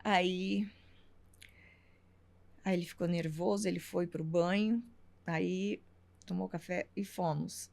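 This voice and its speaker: A woman's voice: on the low side, steady tone, takes it slowly, creaky, pauses often, darkish tone. A middle-aged woman, telling a personal story as a talk show guest and acting out the dialogue. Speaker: interview guest.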